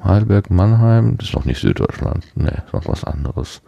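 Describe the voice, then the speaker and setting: Man from the Ruhr area, low and lively, rambling casual chat, close and dry. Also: moderate pace, vocal fry, breathy edge, no echo. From Ruhr area, Germany. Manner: rambling, self-deprecating, with many restarts and laughs. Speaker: conversation partner.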